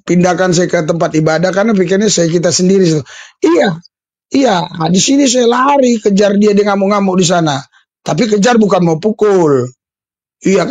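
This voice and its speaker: A middle-aged man, a pastor, talking in an animated, informal preaching style to his listeners. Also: sits high, no echo, low-quality recording. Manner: animated, addresses listeners as brothers.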